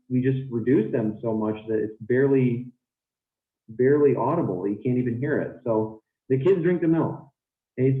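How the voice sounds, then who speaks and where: A man's voice: mid-range voice, reverberant, narrow, tinny audio. A man teaching English pronunciation in an online lesson, explaining and repeating example sentences to show stress.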